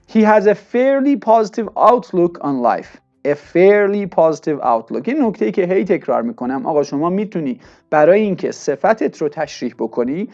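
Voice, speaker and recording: A man's voice: fairly high pitch, creaky, mellow. Man teaching English words. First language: Persian. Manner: explains in Persian, reads English examples slowly and deliberately. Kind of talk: vocabulary lesson. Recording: dull lo-fi sound with faint music.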